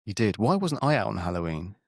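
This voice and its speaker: Low-voiced man, podcast co-host. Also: big pitch swings, fast, no echo, clean studio sound. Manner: self-mocking, playful banter. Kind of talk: casual chat.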